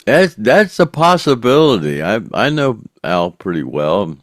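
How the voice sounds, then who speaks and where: Older man with a deep drawl. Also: sing-song, dry recording, studio quality. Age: 70s. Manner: rambling storyteller, halting restarts, chuckles. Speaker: podcast host. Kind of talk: casual chat.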